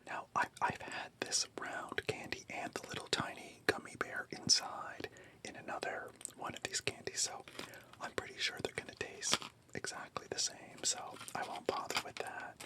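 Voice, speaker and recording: ASMR food-tasting host, fully whispered, slow and gently hesitant delivery.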